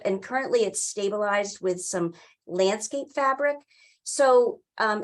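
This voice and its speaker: An older woman, a town wetlands staffer, runs a public meeting over a video call from an indoor room, picked up by a computer mic. Her medium-pitched speech is informal and explanatory but halting, with frequent pauses mid-phrase.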